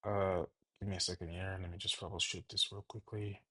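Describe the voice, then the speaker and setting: A man leading an unscripted coding tutorial, thinking aloud in a halting way with fillers and self-corrections. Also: low voice, flat delivery, pushed and bright, breathy edge, dry recording. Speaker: programming tutor.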